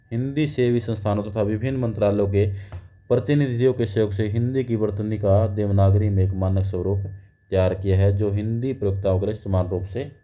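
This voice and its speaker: A man teaching a grammar lesson in a low, dark, mellow voice. He explains step by step, posing questions and answering them himself. The recording is dull and lo-fi. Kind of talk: grammar lecture.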